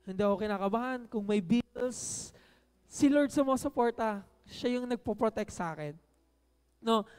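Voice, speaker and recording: Guy preaching, chatty, keeps asking "no?", smooth clear voice, long hall echo. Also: very high-pitched, normal speed. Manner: frequent "No?" tag questions to the audience; lively emphasis on key words. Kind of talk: conversational sermon mixing Tagalog and English.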